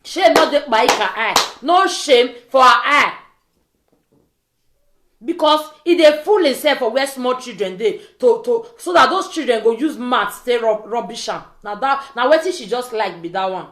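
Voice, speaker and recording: At a moderate pace, a West African-accented woman rants informally in pidgin, her high voice very animated. She scolds the way a social media vlogger might, pressing rhetorical questions over and over. A roomy echo fills the recording.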